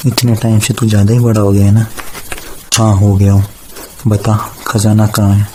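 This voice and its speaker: A man's voice: lowish voice, little pitch movement, normal speed, lightly acted. An actor playing a greedy grown son who rudely demands treasure from his old mother. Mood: defiant. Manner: rude, demanding. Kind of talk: Hindi film acting. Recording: loud background noise.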